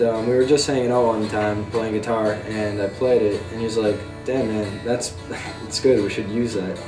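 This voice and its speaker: Twenty-year-old man, low, off-mic. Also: roomy sound, recorded from a distance. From Massachusetts. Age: 20s. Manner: relaxed, halting with fillers and restarts. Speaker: guitarist. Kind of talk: casual documentary interview.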